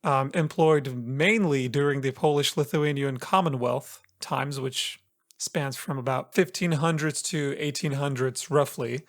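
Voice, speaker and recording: A man co-hosting a podcast, telling a story in a chatty, relaxed way with playful asides. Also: mid-range voice, measured pace. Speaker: podcast co-host presenting the episode's story. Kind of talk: casual podcast chat.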